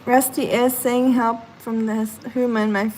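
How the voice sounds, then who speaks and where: Her pitch is fairly high and her pace unhurried, on a rough recording with slight background noise. A sleepy young woman is live streaming in her home kitchen, reading her chat aloud and chatting casually with plenty of fillers in a relaxed way.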